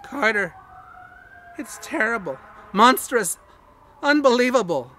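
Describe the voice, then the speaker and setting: A man voicing a doomed, terrified man in a horror reading, with a hoarse, quivering voice and a desperate, urgent delivery. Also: very high voice, expressive, slow, sharp tone, a little hiss or hum, voice pushed up, heavily acted. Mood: frantic warning. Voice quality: hoarse, breathy, quivering, often whispering or screaming. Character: doomed adult man, terrified yet self-sacrificing, calling from below.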